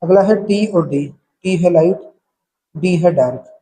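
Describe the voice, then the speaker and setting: A man teaching a shorthand lesson step by step, calling out paired sounds in a steady drill rhythm. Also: high-pitched, measured pace, slightly rough, low-quality recording.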